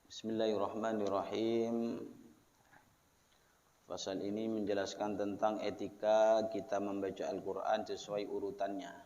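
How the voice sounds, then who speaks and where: A man's voice: lowish voice, darkish tone. A man with a Javanese accent giving a religious study lecture in a prayer hall. He reads the text with word-by-word glosses, then explains it, tagging nearly every phrase with "ya". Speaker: religious teacher. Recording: lo-fi with long hall reverb.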